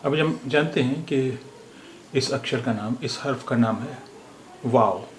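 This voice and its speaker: A man teaching a language lesson. He speaks slowly and says each word several times. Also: medium pitch. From India. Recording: roomy echo, faint background noise.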